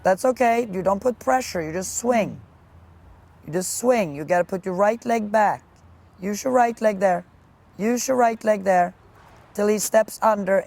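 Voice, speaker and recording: A woman coaching a riding lesson live, giving brisk, projected commands in short, repeated phrases. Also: medium pitch, a little mellow.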